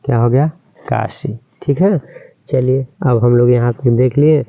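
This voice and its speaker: Teaching kids to spell names, a man stretches out every syllable and frequently makes sure they've followed along in this slow, spelled-out lesson. His mid-range voice is creaky and a little slow. There's no room sound, and the audio is tinny like a phone.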